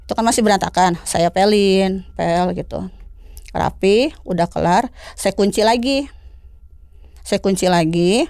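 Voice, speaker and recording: A woman telling a spooky story from her own life in casual slangy talk, acting out both sides of the dialogue. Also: dry recording. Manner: slangy, lively, acts out dialogue, climbs high when tense. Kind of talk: casual spoken ghost story.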